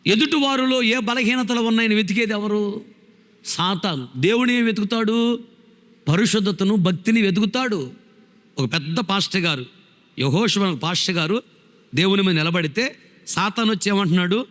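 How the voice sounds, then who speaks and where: A man's voice: sits high, moderate pace, long pauses, a bit bright, in a large hall. A male pastor preaching a sermon, emphatic, firing rhetorical questions at his congregation.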